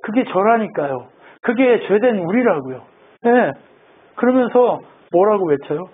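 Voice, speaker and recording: Pastor, male, conversational sermon, husky voice, lo-fi phone sound. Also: sits high, expressive, a little slow. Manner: conversational, asks the congregation questions.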